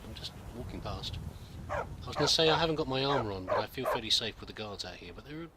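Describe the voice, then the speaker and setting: A man's voice: medium pitch, expressive, fast, a crowd in the background. A man giving casual, rambling game commentary, musing aloud hesitantly and politely as he plays. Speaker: gamer narrating a roleplay playthrough.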